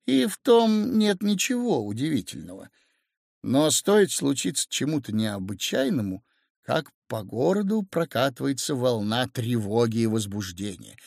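A man narrating a story as an audiobook, reading in a lively, expressive way. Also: on the high side, creaky, dry recording, studio quality.

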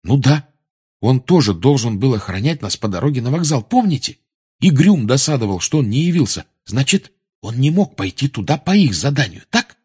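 A man's voice: mid-range voice, sing-song, moderate pace, darkish tone, slightly rough, pitched above the performer's own voice. A man reading aloud and voicing a tense, earnest teenage schoolboy wizard.

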